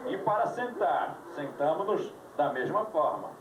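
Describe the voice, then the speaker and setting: A man's voice: fairly high pitch, very animated, measured pace. Man teaching yoga on an old VHS tape. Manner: didactic, giving commands with dry jokes. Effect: old VHS tape recording. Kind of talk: live class instruction. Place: yoga class room. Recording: echoey room, voice from far off, music behind, old VHS tape.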